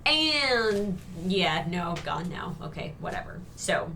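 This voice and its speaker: Bright-voiced sarcastic woman reviewer. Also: fairly low pitch, big pitch swings, slow pace, recorded from a distance, a little hiss or hum. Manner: chatty, sarcastic, many fillers. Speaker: co-host reviewing a TV episode. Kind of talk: casual critical chat.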